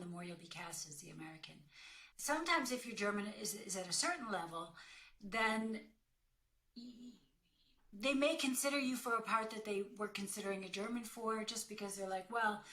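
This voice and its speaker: A woman who works as an actor and acting career coach answers questions in a bright, forceful voice of average pitch. She is direct and emphatic, spelling out her advice plainly.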